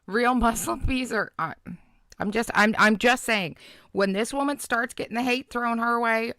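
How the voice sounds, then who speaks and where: A woman hosts a casual livestream, reacting to a clip and chatting with her viewers as she comments along. Her voice is on the high side and sharp-toned, at a moderate pace, with no room sound.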